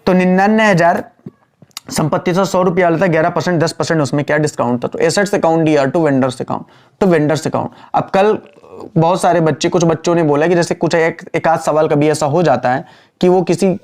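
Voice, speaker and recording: A male accounts teacher giving an online class lecture, repeating key phrases, quizzing his students, and drawling slowly while he writes entries on the board. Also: fairly high pitch, a little mellow. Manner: addresses students as "beta", chiding but patient.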